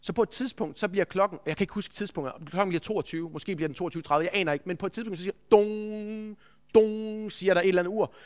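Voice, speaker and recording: A man's voice: sits high, hardly any pauses. A man preaching a sermon, telling a story in an earnest, anecdotal way with frequent restarts. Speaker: preacher, school head.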